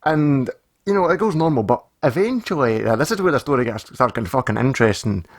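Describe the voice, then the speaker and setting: A man's voice: medium pitch, animated, fast. Swearing young Scottish man telling a story. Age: 20s. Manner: rambling, swears constantly, chuckles through the story. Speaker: storytelling vlogger. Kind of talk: casual storytelling.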